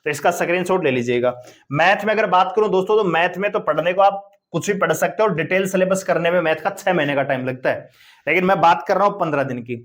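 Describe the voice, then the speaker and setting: A man's voice: high-pitched, fast. A young man teaching exam preparation in a casual, chatty way, often repeating words and checking that students follow. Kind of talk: casual coaching lesson.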